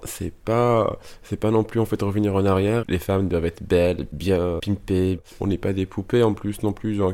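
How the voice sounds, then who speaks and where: Relaxed Moroccan-born man in his twenties. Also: lowish voice. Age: 20s. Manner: relaxed, chatty, many fillers and restarts. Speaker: drag queen and model. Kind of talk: personal interview monologue.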